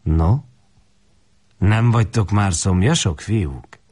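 A man voicing a stern, greedy, stout older peasant woman who talks in a low, commanding, scolding way, in a read-aloud story. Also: a little mellow, breathy edge. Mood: teasing, commanding.

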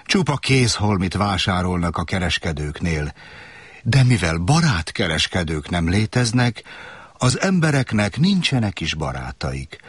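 A man's voice: fairly low pitch, husky, no room sound. A man voicing a wistful, lonely fox. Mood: pleading. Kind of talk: storybook reading.

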